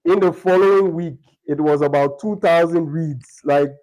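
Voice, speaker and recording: Mellow-voiced young man on a video call. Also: on the high side, normal speed, poor audio. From Liberia. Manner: chatty, with restarts. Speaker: guest. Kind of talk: remote interview conversation.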